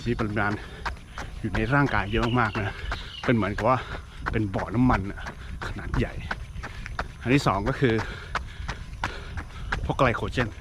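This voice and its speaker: A man's voice: lowish voice, normal speed. Man talking while running, noisy outdoors. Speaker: running coach-style vlogger explaining training. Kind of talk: casual explainer talk while running. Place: outdoors, on the move. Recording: noisy outdoor recording with traffic and ambience.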